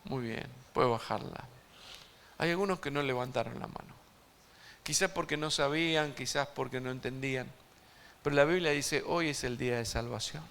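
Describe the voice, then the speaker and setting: A man preaching an evangelistic sermon to a congregation, emphatic and swinging between loud and hushed, asking his listeners direct questions. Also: mid-range voice, normal speed, creaky, slight background noise. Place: church service before a congregation.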